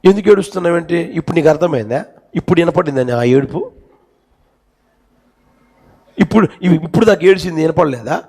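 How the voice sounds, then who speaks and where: Brief: anguished young mother figure in a sermon story, raised and gravelly, voiced by a male preacher. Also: a little high, animated, fairly quick, pauses often, mellow, big-room sound. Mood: anguished protest. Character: grieving young mother in hospital, sobbing, stubborn.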